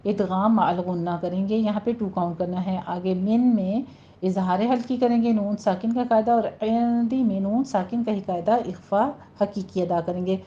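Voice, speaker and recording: Mellow-voiced woman teaching Quran recitation. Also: medium pitch. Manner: slow, drawn-out demonstration of each word, then brisk explanation. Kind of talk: recitation lesson. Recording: dull lo-fi sound.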